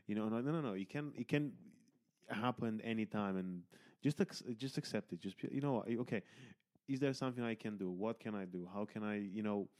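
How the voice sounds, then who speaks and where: In a casual podcast conversation, the host rambles candidly, restarting sentences, using fillers and swearing casually. His voice is fairly low and a little mellow, and he talks a little fast.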